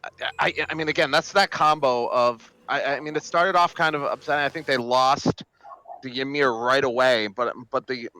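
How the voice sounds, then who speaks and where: A man's voice: mid-range voice, steady tone, moderate pace, pushed and bright. A man doing casual esports play-by-play commentary, rambling with fillers and restarts. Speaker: esports caster. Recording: music bed behind voice. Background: game music.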